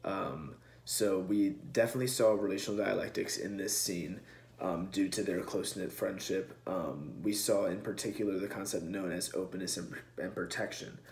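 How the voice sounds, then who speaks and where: A young man giving an earnest class presentation, speaking close to a camera in a small room and filling pauses with many ums. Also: deep voice, darkish tone, echoey room. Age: young adult. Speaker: student presenter. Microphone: camera close in front.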